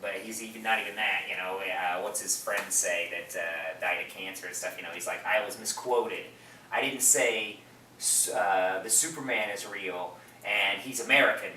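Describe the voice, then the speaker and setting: A man with a lowish voice and a sharp tone speaks at a moderate pace while co-hosting a movie podcast. He explains things in a rambling, enthusiastic way during a casual film chat. He sits away from the mic in an echoey room, so the recording sounds roomy and distant with faint noise.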